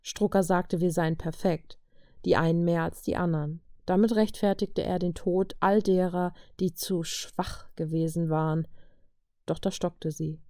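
Low, mellow woman reading a story. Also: steady tone, a little slow, no room sound, clean studio sound. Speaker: reader.

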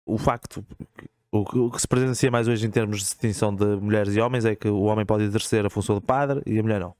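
A man's voice: lowish voice, steady tone, quick pace, a little mellow, no echo, clean studio sound. A man with a European Portuguese accent chatting casually and informally, giving his opinions in slangy language. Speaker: podcast host. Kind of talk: casual chat.

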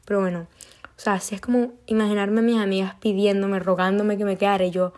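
A woman's voice: mid-range voice, level tone, quick pace, a little mellow. A young woman from Venezuela with a Venezuelan Spanish accent, chatting casually on her own show, rambling with frequent restarts and casual swearing. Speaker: podcast host. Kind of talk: casual solo chat.

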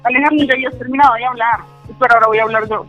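A woman with a Soacha accent and a fairly deep voice, chatting as a podcast co-host. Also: steady tone, rapid-fire, a bit bright, faint music behind, rough recording. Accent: Soacha, Colombia. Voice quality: deeper voice than the other women. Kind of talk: casual chat.

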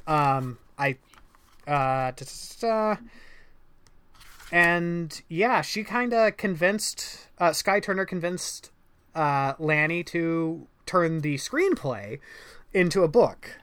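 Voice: medium pitch, expressive, slow, fairly bright tone, clear, resonant tone. A co-host of a casual book discussion podcast who talks loosely and bluntly, with casual swearing and frequent fillers. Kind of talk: casual chat.

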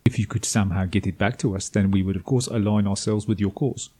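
A man's voice: fairly low pitch, fairly even intonation, fast, dark tone, slightly rough. A man voicing a cocky male gang member in a put-on South African accent, speaking in a wry, bargaining way. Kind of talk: game master voicing a character.

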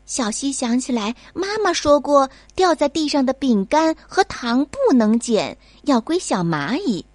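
A woman narrating a bedtime story for children in a slow, soft, sing-song way. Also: high voice, very animated, dry recording.

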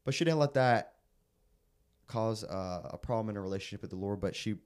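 A young man preacher sharing his testimony in a casual interview, earnest and halting with frequent restarts. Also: on the low side, darkish tone, clear, resonant tone. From raised in the Philippines, American. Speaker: guest preacher.

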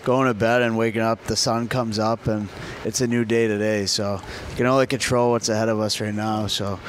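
A man with a slightly softened Boston accent, giving hesitant, understated answers in a casual interview. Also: on the low side, little pitch movement, brisk, slight background noise. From Boston, USA. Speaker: hockey player guest.

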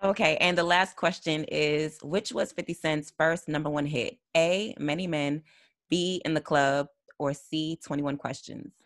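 Young adult host, upbeat, giggly, conversational, mid pitch, dry room. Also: fairly even intonation, unhurried, fairly bright tone, no echo. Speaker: podcast host. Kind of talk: casual interview chat.

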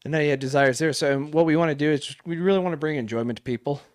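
A man's voice: fairly high pitch, very fast, no room sound. Rambling casual podcast guy, dry sound. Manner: rambling, lots of fillers and restarts. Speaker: podcast co-host. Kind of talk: casual chat.

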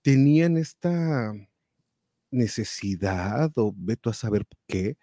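A man hosting a live talk show, reading out viewer comments with animated, exclamatory reactions. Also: medium pitch, slow pace, no echo, clean studio sound. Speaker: show host.

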